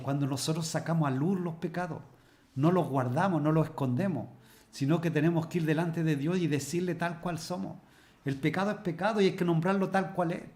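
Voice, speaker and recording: A man preaching a Bible study sermon as pastor. He asks rhetorical questions, and he slows down and stresses the words when he reads scripture. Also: on the high side, darkish tone.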